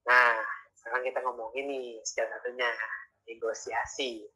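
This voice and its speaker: A man's voice: medium pitch, flat delivery, moderate pace, pushed and bright, breathy edge. A man giving a casual online sales lecture over a video call, chatty and constantly adding tag questions. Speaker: sales trainer. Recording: tinny video-call audio.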